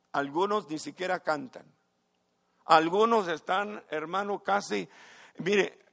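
A male pastor, preaching a fervent sermon that swells into impassioned shouts and keeps calling his listeners "brother". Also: sits high, vocal fry. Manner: addresses listeners as "hermano".

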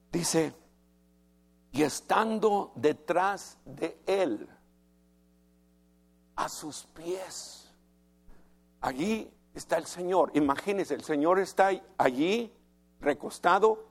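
Male preacher, slightly high voice, slow and emphatic sermon delivery. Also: creaky, slightly rough. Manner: emphatic, asks the congregation questions, slows down on key words.

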